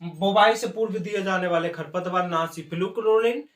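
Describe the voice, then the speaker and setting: A man teaching an agriculture exam class, dictating notes and repeating key terms slowly. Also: high-pitched, echoey room.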